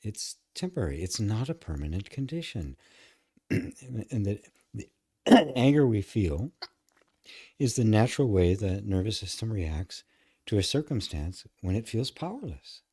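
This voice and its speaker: A low, husky male voice teaching emotional tapping live, with lively swings of pitch. He talks frankly, swears now and then, and acts out inner voices. The sound is dry and close. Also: a little slow, no room sound.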